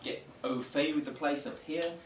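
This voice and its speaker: He's a ghost tour guide on a vigil, talking the group through things informally in a wry, mock-formal, dryly comic way. His voice is on the high side, with fairly even intonation and normal speed. Recorded indoors, the clip has room echo, faint noise and the distance of a camera mic.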